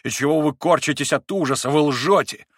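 A man voicing a feverish, tormented young man in an audiobook, husky and agitated, rising into anguished outbursts. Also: a little high, a little fast, dry recording, clean studio sound, pitched above the performer's own voice. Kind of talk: audiobook character reading.

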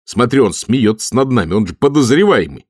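A man's voice: mid-range voice, very animated, brisk, a little mellow, husky, no room sound, studio quality, pitched above the performer's own voice. A man reading an audiobook, voicing an earnest, naive young male watchman who insists on doing right.

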